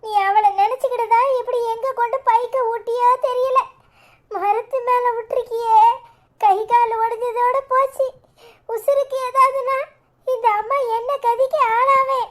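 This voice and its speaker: A woman's voice: little pitch movement, moderate pace, fairly bright tone. A woman voicing a bitter, grieving old mother-in-law in a cartoon, scolding in a Tirunelveli Tamil accent. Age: older. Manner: shrill, scolding, wailing complaints. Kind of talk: cartoon voice acting.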